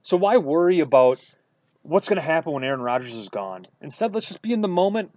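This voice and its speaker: A man from Wisconsin co-hosting a sports podcast, telling stories in a casual, animated way with lots of fillers. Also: on the high side, brisk, dry recording, dull audio. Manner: animated storytelling with many fillers. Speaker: podcast co-host.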